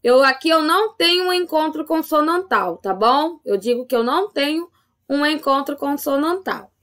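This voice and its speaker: In a recorded remote lesson, a woman with a Brazilian Portuguese accent teaches a grade-school class, speaking slowly and patiently and often checking in with her pupils using "tá?". Her voice is high, expressive, and fairly bright.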